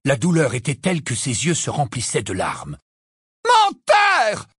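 An audiobook narrator reading a fantasy tale with dramatic, expressive delivery. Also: mid-range voice, fairly quick, breathy edge, no room sound, clean studio sound. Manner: expressive, lively storytelling.

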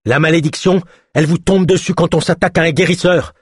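A man's voice: a little high, steady tone, fast, slightly rough, no room sound, studio quality, voice pushed up. A man voicing a defiant old female healer who scolds her accuser. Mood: accusing. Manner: scolding, sharp retorts.

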